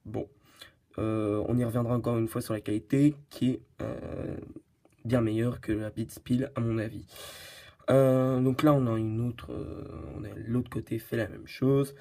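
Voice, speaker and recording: A man's voice: medium pitch, little pitch movement, measured pace, mellow. A man hosting a casual product review, hesitant and full of fillers and restarts, joking at his own expense. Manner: hesitant, many fillers and restarts, giggly and self-mocking. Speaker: host of a tech review channel.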